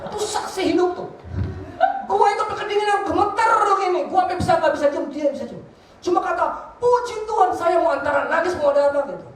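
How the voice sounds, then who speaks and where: A man giving a lively, joking sermon testimony as guest preacher in a large church hall. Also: extremely high pitch, fast talker. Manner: animated, joking, slangy. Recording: very echoey hall, voice from far off.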